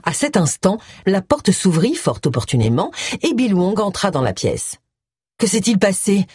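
A woman narrating an audiobook in expressive storytelling style. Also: medium pitch, moderate pace, husky, no echo, clean studio sound. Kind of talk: scripted narration.

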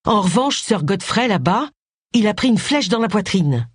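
Reader doing high-pitched woman sleuth, brusque, sharp-tongued, urgent, husky, dry close audiobook sound. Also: very animated, normal speed, no room sound. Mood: gruff.

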